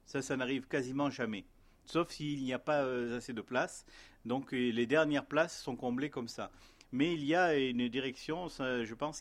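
A man tells a personal faith story in a loose, conversational way. He pauses often and fills gaps with hesitations. Toward the end he turns earnest and gently exhorting. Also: medium pitch. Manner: rambling, many hesitations and fillers. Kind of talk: casual spoken testimony.

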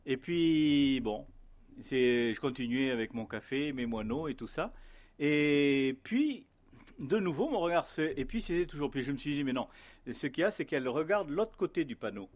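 A man tells a personal faith story in a loose, conversational way. He pauses often and fills gaps with hesitations. Toward the end he turns earnest and gently exhorting. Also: a little high, expressive. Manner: rambling, many hesitations and fillers. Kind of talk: casual spoken testimony.

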